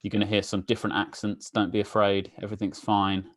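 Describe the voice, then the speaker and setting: A man's voice: on the low side, flat delivery, fast talker, no echo. A man hosting a live online meetup, chatty and full of fillers, greeting viewers by name over a video call. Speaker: webinar host. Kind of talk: casual live-stream chat.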